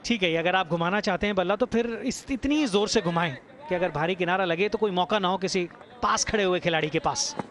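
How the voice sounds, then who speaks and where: Man, Indian accent, high pitch, analytical cricket commentary, noisy outdoor backdrop. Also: a little fast. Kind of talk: live sports commentary. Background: clear outdoor noise.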